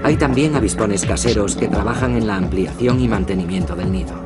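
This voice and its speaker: Male nature documentary narrator, lowish register, measured and explanatory, music playing underneath.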